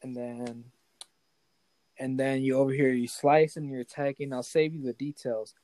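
A man's voice: mid-range voice, flat delivery, moderate pace, warm tone, no echo. A man improvising a fantasy story as game master. He talks casually and keeps checking in with the player.

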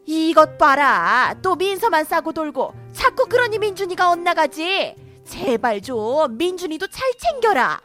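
A woman's voice: very high voice, very animated, a little slow, few pauses, exaggerated voice. A woman voicing a domineering older mother-in-law who scolds sharply and favors her grandson, in a cartoon drama. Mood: angry. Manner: scolding, sharp, rising to shouts. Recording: faint background music.

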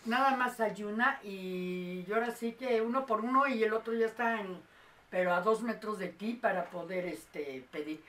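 A woman's voice: mid-range voice, moderate pace, a bit bright, far from the mic. A woman co-hosting a casual talk show, playful and pleading earnestly with the audience. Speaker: co-host. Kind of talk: casual chat.

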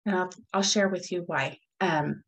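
A woman's voice: fairly low pitch, a little slow, rough recording. A middle-aged woman hosting her own podcast, talking in an earnest, upbeat, encouraging way. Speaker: podcast host. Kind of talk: solo podcast talk.

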